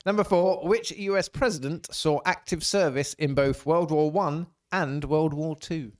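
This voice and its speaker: A man's voice: fairly high pitch, measured pace. Jokey man hosting a quiz. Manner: jokey, laughs often, repeats questions. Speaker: quiz host. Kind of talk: casual online quiz hosting.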